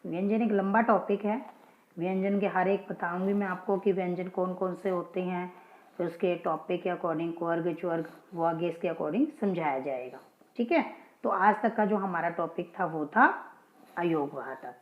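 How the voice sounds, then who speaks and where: A woman's voice: fairly low pitch, fairly even intonation, moderate pace. A woman teaching Hindi grammar in a casual classroom style, patiently asking questions and answering them herself. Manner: patient, checks in with listeners, asks and answers her own questions. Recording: dull lo-fi, echoey room.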